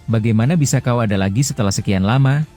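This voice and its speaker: A man's voice: medium pitch, fast talker, dark tone, faint music behind, close to an everyday voice. A man voicing a defiant young male ninja fighter in anime fan-story dialogue. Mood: incredulous.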